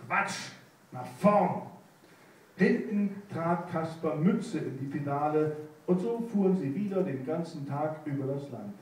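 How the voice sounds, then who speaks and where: Slow playful male storybook reader. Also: fairly high pitch, a little mellow. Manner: unhurried, playful. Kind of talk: unrehearsed reading of a children's story. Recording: echoey room, mic far off.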